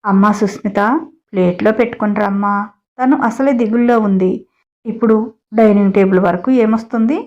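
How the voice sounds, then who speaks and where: A woman voicing a doting, sharp-tongued middle-aged mother-in-law in a read-aloud family story. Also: medium pitch, steady tone, brisk, close to an everyday voice. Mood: bossy. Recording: dull lo-fi audio.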